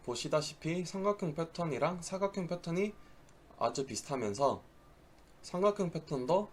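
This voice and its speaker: A man who is not a native Korean speaker gives an instructional lecture, with a halting delivery and slips on words. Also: a little high, animated. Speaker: diving instructor giving a lecture. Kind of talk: instructional slide presentation.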